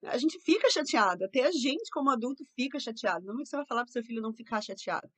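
Brazilian woman w carioca accent teaching english phrases to parents, a bit high voiced, slows down n goes soft on the examples. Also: expressive. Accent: Carioca Brazilian Portuguese. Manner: slows down and softens when modeling English phrases. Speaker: bilingual educator.

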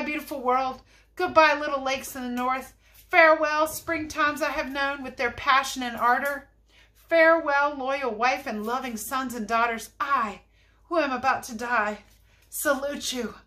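A woman's voice: sits high, steady tone, a little slow, bright, forceful tone. A woman voicing an old male swan making a grand, theatrical farewell speech in a storybook reading. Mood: melodramatic.

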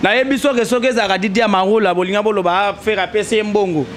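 His voice sits high and races along as this young man argues heatedly and casually, leaning harder into each point while mixing French with Lingala. Crowd noise surrounds the recording, captured on a handheld mic held out to him in a small indoor studio.

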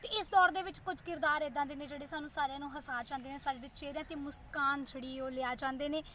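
A woman's voice: sits high, steady tone, fast, sharp tone. A woman, hosting an interview outdoors. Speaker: interviewer and host. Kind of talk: on-location interview. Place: outdoors in a leafy park. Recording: noisy outdoor recording.

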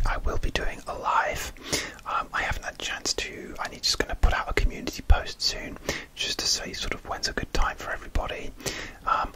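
Softly whispering ASMR man. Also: poor audio. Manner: rambling, many fillers and restarts; unvoiced whisper throughout. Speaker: ASMR creator.

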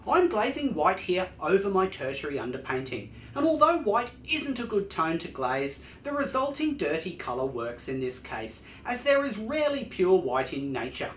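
A man's voice: high voice, normal speed, hardly any pauses, echoey room, faint music behind. A man in his forties teaching oil painting in a studio, explaining each step in an enthusiastic, explanatory way. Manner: lively, explanatory, enthusiastic about technique. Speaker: art instructor. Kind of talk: painting tutorial narration. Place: indoor art studio with easel.

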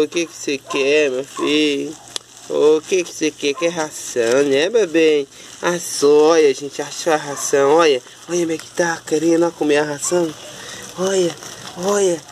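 A woman with a Brazilian Portuguese accent chatting casually to her puppies in high cooing baby talk. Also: darkish tone, slight background noise. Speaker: pet vlogger.

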